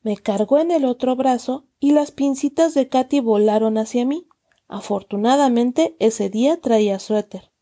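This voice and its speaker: A woman reading a children's story aloud in calm storybook narration, acting out the dialogue. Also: a little high, unhurried.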